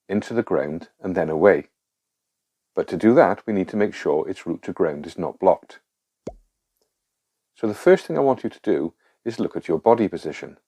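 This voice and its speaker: A man guiding a grounding exercise in a calm, reassuring, instructing manner. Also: deep voice, breathy edge. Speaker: guide of a panic relief exercise.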